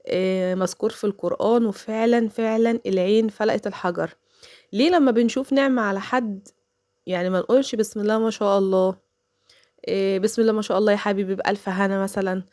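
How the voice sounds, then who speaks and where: A woman's voice: medium pitch, a little mellow, dry recording, clean studio sound. A woman in her thirties with an Egyptian accent, a mother chatting casually through a home cooking voice-over and telling stories sprinkled with religious phrases. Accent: Egyptian Arabic.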